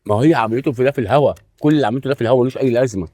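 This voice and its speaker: A man's voice: medium pitch, dark tone, lightly acted. A man with an Egyptian accent playing a kind, protective older father who speaks patiently and sometimes halts. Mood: gentle. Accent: Egyptian Arabic. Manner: patient and reassuring, halting. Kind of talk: web drama acting.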